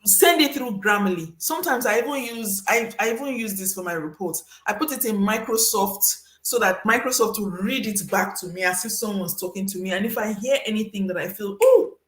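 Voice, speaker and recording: A woman hosting a casual advice talk, emphatic and animated, acting out little scenes with sudden high voices. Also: fairly quick, few pauses, reverberant. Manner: emphatic, repeats for stress. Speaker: host giving career advice.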